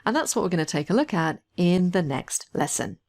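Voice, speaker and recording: Female tutorial narrator, lower pitch, animated intonation, step-by-step explanation. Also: brisk, gravelly. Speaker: software trainer. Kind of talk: screen-recorded tutorial narration.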